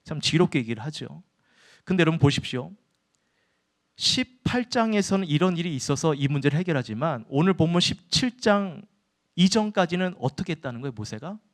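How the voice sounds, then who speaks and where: Male pastor, higher voice, preaches a sermon in church and poses questions to the room. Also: expressive, a little fast. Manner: addresses the congregation often, asks questions and answers them.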